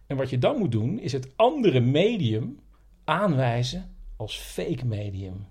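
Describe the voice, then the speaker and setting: A man with a husky, darkish, mid-range voice co-hosts a podcast, speaking a little slowly in a sing-song way. He tells anecdotes and explains things in a relaxed, conversational style.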